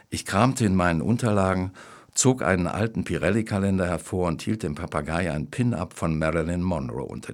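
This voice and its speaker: A man's voice: deep voice, vocal fry. A man narrating short stories in a dry, wry reading style. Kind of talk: scripted narration.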